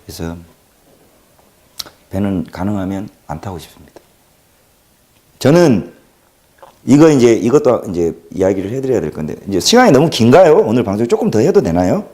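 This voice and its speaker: A man in his thirties with a Jeolla accent, chatting alone on a livestream. His pitch jumps around constantly as he jokes and rambles, and his voice stays mellow and dark in tone, dropping to near mutters between louder bursts. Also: normal speed, long pauses. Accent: Jeolla Korean. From Jeolla region, South Korea. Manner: animated, joking, swings between loud and quiet. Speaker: livestream host. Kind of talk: casual livestream monologue.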